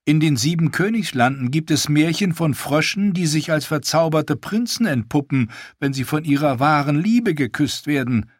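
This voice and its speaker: A man reading an audiobook, voicing a proud young queen who speaks in a regal, measured way. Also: a little high, expressive, no echo, studio quality, pitched above the performer's own voice. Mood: teasing.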